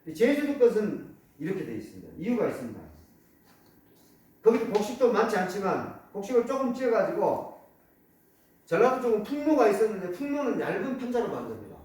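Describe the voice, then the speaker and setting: A man giving a public lecture on folk objects, pointing things out as he explains them. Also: high voice. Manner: explains while pointing to objects, many repeated "이렇게"; lively, rising and falling delivery. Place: lecture hall. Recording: very echoey hall, speaker far off.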